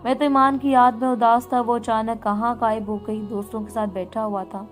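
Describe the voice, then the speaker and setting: A female storyteller reads a scripted first-person tale in a steady, even manner. Her voice sits a little high. Soft music plays faintly underneath. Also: moderate pace.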